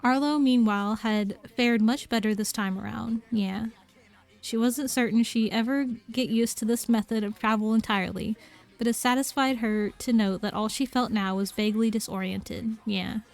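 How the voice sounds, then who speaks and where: A woman's voice: a little high, normal speed, soft background music. Give me a young woman reading a book on stream, tagging "yeah" on every line. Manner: adds "yeah" after nearly every sentence, giggly asides. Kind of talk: reading a novel aloud on stream.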